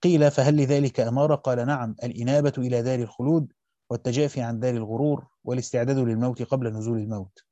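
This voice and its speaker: A man with an Egyptian accent races through a classical commentary, stopping now and then to correct a word or add a casual aside. His voice is dark and mellow, recorded dry and close. The sound is dull and lo-fi. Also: mid-range voice, fairly even intonation, dry recording. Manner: rapid reading with quick self-corrections and colloquial asides. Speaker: teacher reading a Quran commentary aloud. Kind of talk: fast read-through of a classical text with brief asides.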